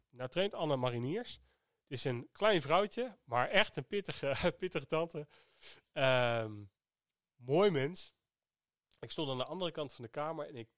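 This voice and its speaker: A man's voice: mid-range voice, dry recording, studio quality. A man hosting a podcast, telling a personal story in an earnest, reflective way. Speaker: podcast host.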